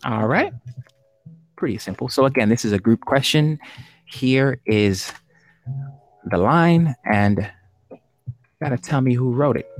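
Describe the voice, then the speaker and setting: A man's voice: medium pitch, expressive, a little slow, long pauses, no room sound. A man hosting an online trivia game show for poets, chatty and jokey, laughing often.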